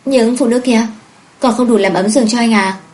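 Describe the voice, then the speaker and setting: A woman voicing a defiant young wife who snaps back in sharp, raised retorts. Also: on the low side, rapid-fire, lightly acted. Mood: indignant.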